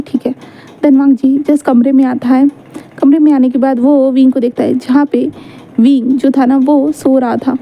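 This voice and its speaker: A woman's voice: sits high, muffled recording. A woman casually narrating a romance fan fiction story. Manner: casual retelling with fillers.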